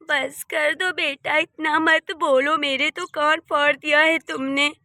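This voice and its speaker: A woman voicing a fussy, easily exasperated old mother-in-law in a cartoon, talking slowly and scolding with repeated words. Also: high-pitched, steady tone, bright, forceful tone, dry recording, studio quality, heavily acted. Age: older. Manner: slow, scolding, repeats herself. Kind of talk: Hindi cartoon voice acting.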